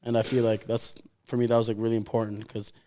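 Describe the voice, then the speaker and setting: Speaking quickly in a warm, medium-pitched, level voice, a Calgary-raised pro footballer in his 20s talks heartfelt and slangy in an interview, saying "like" constantly. Slight background noise is audible.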